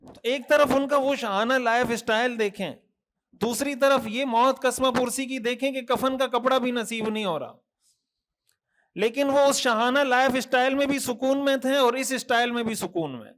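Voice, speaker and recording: High-pitched earnest preacher man. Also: a bit bright. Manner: rhetorical questions, listing repetitions, earnest admonishing. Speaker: mufti preacher. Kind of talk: Thursday night sermon.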